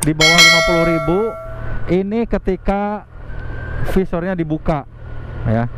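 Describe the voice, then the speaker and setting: Man vlogging from a motorbike, high voice. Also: unhurried. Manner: chatty, thinking aloud, pious interjections. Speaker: motovlogger. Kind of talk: casual motovlog narration while riding. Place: riding a motorbike on outdoor roads and a bridge. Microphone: cheap clip-on mic inside mask under a helmet visor. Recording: wind and traffic noise from a moving motorbike.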